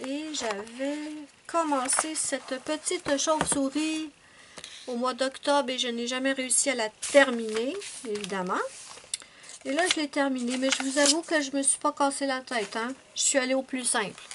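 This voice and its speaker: A woman's voice: high-pitched, steady tone, moderate pace, noisy background. A woman chatting casually to her viewers about her finished coloring pages, with frequent fillers and restarts. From Canada. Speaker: coloring channel host.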